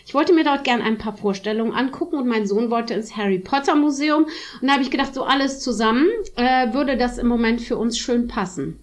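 A woman's voice: a little high, fairly quick. A middle-aged woman chatting casually as an interview guest, rambling and searching for words. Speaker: interview guest, theatre director.

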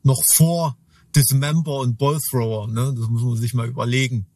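A man co-hosts a podcast in loose, rambling chat, often restarting sentences and tagging them with little questions. His voice is husky and a bit breathy. The recording is dry, with no room sound. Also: medium pitch, fairly even intonation, moderate pace, a little mellow, no room sound. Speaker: podcast co-host. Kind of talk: casual chat.

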